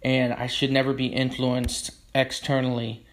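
A man's voice: medium pitch, completely flat delivery, measured pace. Young man musing on his past in a loose, candid monologue, often stopping to rephrase. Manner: rambling, self-correcting, candid. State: burping after drinks. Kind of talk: reflective personal monologue.

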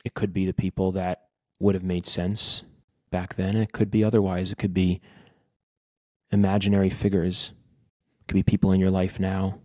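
Guiding a meditation on his podcast, this man speaks in short phrases separated by long pauses, his deep, low voice level, gentle and unhurried, with little rise and fall. The sound is close and dry, with no echo.

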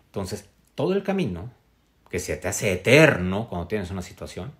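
Low-voiced earnest man. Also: big pitch swings. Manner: earnest, searching, with many pauses and "mm?" tags. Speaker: live streamer sharing a personal story. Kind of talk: reflective personal storytelling on a live stream.

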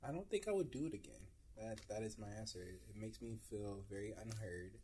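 A man's voice: lowish voice, lively intonation, fairly quick, mellow, slight background noise. A young man co-hosting a podcast in casual chat, answering thoughtfully about how he feels. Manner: jokey, laughs easily, then earnest when reflecting. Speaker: podcast co-host.

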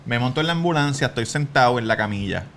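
A man's voice: mid-range voice, fast talker, a little hiss or hum. A man with a Puerto Rican accent, co-hosting a podcast and telling a story with lots of acted-out quotes. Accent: Puerto Rican Spanish. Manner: animated storyteller, acts out quotes, bursts into laughing shouts. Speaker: podcast co-host. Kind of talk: casual storytelling chat.

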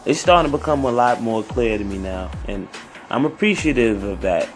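A man who sounds high, hosting a casual podcast alone in a rambling, repetitive, slangy stoner manner. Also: animated, normal speed, soft background music. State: high on weed. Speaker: podcast host.

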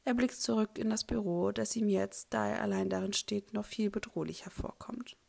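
A woman narrating a fan fiction story in a soft, quiet reading voice. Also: mid-range voice, normal speed, gravelly. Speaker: audiobook reader.

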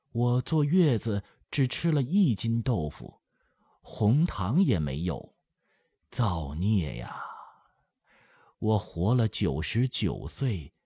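A man's voice: on the low side, mellow, no room sound, voice pushed up, heavily acted. A man voicing a very old, hard-of-hearing village grandmother who rambles and sighs in an audiobook. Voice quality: slow, breathy, muttering old voice. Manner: rambling, sighing, lamenting. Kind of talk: audiobook character voice. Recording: dry close studio sound.

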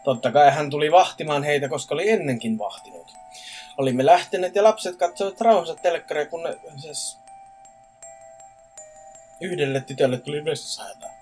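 A man's voice: a little high, a little mellow, soft background music. A man co-hosting a casual podcast, reading scary stories aloud stiffly, with slips and restarts. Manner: reads stiffly with slips and laughs.

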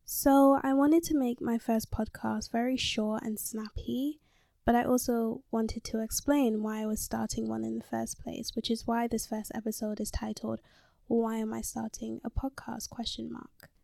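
This casual solo podcast monologue comes from a nineteen-year-old host from London whose accent carries some American tone; she talks openly and swears a lot into a handheld mic inside a small closet. Her pitch is fairly high and her tone level, gravelly and warm, at a normal pace. The recording is dry and studio-clean.

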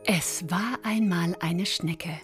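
Slow, expressive woman storyteller. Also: on the low side, soft background music. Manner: slow, soothing, expressive narration. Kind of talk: bedtime storybook reading.

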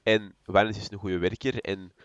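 A man's voice: fairly low pitch, fairly even intonation, moderate pace, no room sound, lo-fi sound. A young man, chatting on a podcast and often restarting his sentences. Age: young adult. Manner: rambling, with frequent restarts. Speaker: podcast co-host. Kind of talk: casual podcast chat.

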